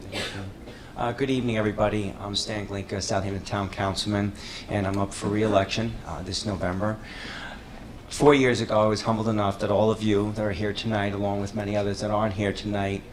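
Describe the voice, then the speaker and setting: A man with a low, flat voice and a New York accent speaks in an earnest, measured way. A faint room hum sits under his opening statement. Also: poor audio. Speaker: town councilman and candidate. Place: public meeting hall.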